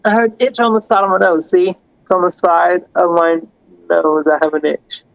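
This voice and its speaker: A man hosting a livestream, rambling loudly and swearing freely, with frequent laughs and a rowdy way of calling out to viewers. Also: sits high, steady tone, normal speed, creaky, dry recording, dull audio. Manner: rambling and profane, laughs often. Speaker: livestream host. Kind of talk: casual livestream chat.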